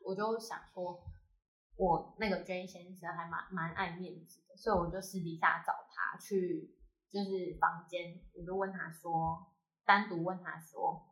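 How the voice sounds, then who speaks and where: A woman from Taiwan telling a personal story in casual chat, animated and acting out what others said. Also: on the low side, a little slow. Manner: animated storytelling, quoting others in lively voices. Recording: roomy echo.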